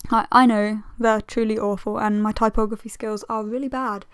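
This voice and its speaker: A casual video host in her twenties gives a chatty, rambling, self-deprecating commentary while touring her sketchbook. Her mid-range voice is clear and resonant though slightly strained, with fairly even intonation and normal speed, recorded dry at studio quality.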